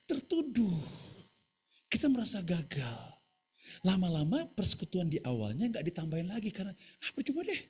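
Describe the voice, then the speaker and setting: A male pastor preaching a sermon, often asking the congregation "right?" and calling for louder amens. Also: high voice, very animated, normal speed, husky.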